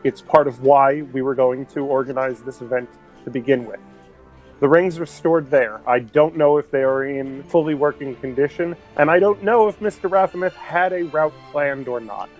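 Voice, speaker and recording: A man's voice: mid-range voice, moderate pace, a little mellow, faint music behind, lightly acted, rough recording. A man voicing a formal, frank male casino club official in a tabletop game. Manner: formal, addresses listener as sir.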